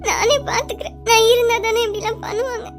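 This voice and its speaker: A woman's voice: very high voice, fairly even intonation, fast talker, over music. A woman voicing a tearful, despairing young woman in a cartoon. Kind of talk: cartoon voice acting.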